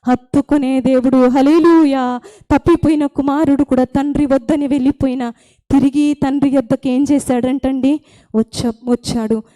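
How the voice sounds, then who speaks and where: High, mellow-voiced woman preaching a sermon. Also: steady tone, normal speed. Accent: Telugu. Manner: call-and-response rhetorical questions, repeated phrases, rising to impassioned pleas.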